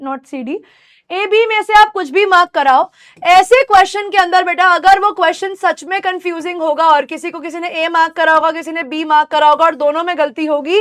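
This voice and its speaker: A woman's voice: extremely high pitch, fairly bright tone. A young woman with an Indian English accent teaching grammar in an online exam-prep lesson, explaining patiently and repeating key points to her students.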